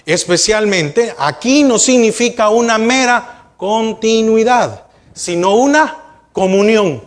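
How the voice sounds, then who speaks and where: A man preaching a sermon as pastor, asking his congregation rhetorical questions and speaking to them directly. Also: sits high. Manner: addresses listeners directly, urging them to look and listen.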